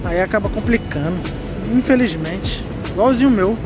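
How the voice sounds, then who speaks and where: Um homem brasileiro falando rápido, com gírias, para os espectadores enquanto anda por uma feira de rua. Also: male voice, sits high, lively intonation, over loud music. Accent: Brazilian Portuguese. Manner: quick, slangy, addressing viewers. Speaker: tech vlogger. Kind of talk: casual market walkthrough. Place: outdoor street market.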